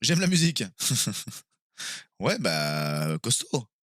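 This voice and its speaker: A man streaming live and playing a quiz game with his viewers, excitable and quick to exclaim and swear when he is stuck. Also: medium pitch, no echo, clean studio sound.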